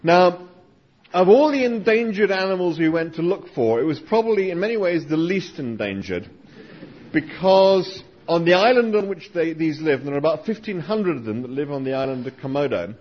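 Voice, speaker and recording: Wry high-voiced man telling a story. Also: expressive, normal speed, muffled recording. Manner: wry, dry asides. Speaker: speaker reading to a live audience. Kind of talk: humorous reading and storytelling.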